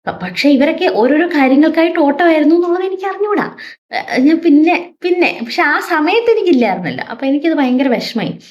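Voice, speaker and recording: A young woman with a fairly high voice tells a personal story as a vlogger. She is heartfelt and emotional, with sighs and repeated words. The recording sounds dull and lo-fi. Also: animated, brisk, darkish tone.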